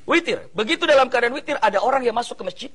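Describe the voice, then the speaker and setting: A male preacher telling a sermon story in an animated, emotive way. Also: extremely high pitch, fast, a loud crowd. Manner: animated, emotive, laughs with audience. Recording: loud background music.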